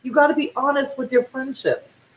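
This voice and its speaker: A woman's voice: high-pitched, fairly even intonation, normal speed, poor audio. Laughing woman co-hosting a web show. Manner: laughing, teasing banter. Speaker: co-host. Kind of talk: casual online show chat.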